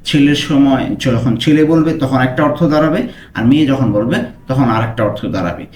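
A man tutoring a language lesson, repeating each phrase and stretching out the foreign words slowly. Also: medium pitch, a little mellow, roomy sound, a little hiss or hum.

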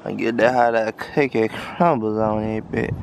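A man's voice: on the low side, normal speed, gravelly. Young man, casual vlog chat, profane joking, handheld camera, noisy background. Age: young adult. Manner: joking, profane, talks to camera and to his dog. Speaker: vlogger. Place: backyard and a small shed room, in and out of doors. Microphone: handheld camera at arm's length.

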